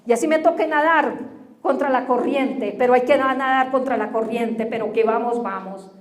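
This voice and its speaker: A woman's voice: on the high side, moderate pace, roomy sound. A woman pastor preaching a sermon, asking the congregation rhetorical questions as she speaks. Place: church.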